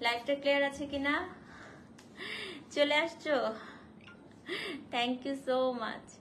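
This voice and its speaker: A woman hosting a casual live stream to sell saris, feverish and in pain, speaking slowly and softly and mixing in English phrases. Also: high voice, fairly even intonation, a little hiss or hum. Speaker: online shop owner selling saris on a live stream.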